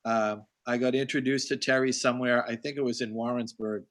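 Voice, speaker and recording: A man's voice: medium pitch, fairly even intonation, a little fast. A man hosting a live video-call chat with an author, talking in a rambling, chatty way full of compliments. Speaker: host. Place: home in Boston.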